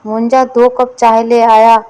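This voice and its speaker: Woman narrator, storybook reading, slow, flat delivery. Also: a little high, clean tone, low-quality recording.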